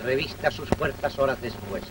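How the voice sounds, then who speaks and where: A man's voice: medium pitch, moderate pace. A man narrating an old 1930s newsreel in a solemn, declamatory manner. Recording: noisy, distant 1930s newsreel soundtrack.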